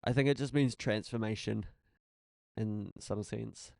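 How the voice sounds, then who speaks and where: A young man trades dry, teasing banter as a podcast co-host. His voice sits low and has a gravelly fry to it. The sound is close and dry, with no room around it. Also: measured pace, darkish tone, no echo. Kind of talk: casual chat.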